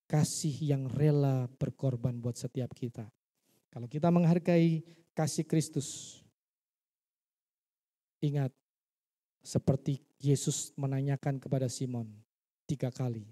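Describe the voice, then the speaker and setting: A man's voice: medium pitch, a little slow, long pauses, dark tone. A male pastor preaching a sermon in church. He teaches by asking his listeners questions and acting out the quoted dialogue.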